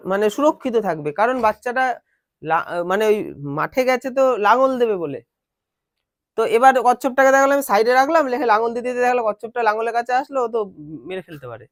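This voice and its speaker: A male teacher giving a classroom lesson. He reads English lines slowly, then explains them and quizzes his students. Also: very high voice, expressive, no room sound, studio quality.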